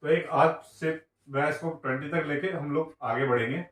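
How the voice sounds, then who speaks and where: A man teaching a beginner maths lesson, counting numbers aloud slowly, one by one. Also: on the high side, a bit bright, far from the mic. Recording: echoey room, away from the mic.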